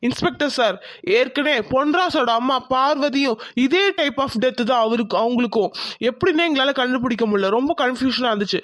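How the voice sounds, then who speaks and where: Worried male cartoon doctor, uneasy, slow explaining, high voice, dry. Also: a bit bright, no echo. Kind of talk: cartoon voice acting.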